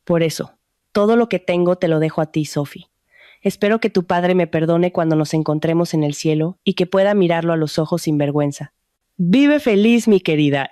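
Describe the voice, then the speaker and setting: A woman's voice: on the low side, normal speed, mellow, no room sound, studio quality, close to an everyday voice. A woman voicing a remorseful, dying elderly aunt over 60 reading out her farewell letter, regretful and tender.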